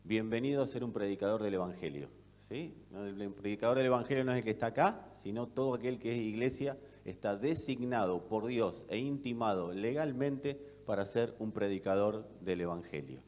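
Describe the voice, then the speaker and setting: A man preaching a sermon with an Argentine accent, asking rhetorical questions and swinging between loud and soft delivery. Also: lowish voice, moderate pace, few pauses. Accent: Argentine Spanish. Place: church hall. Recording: long reverb of a church hall.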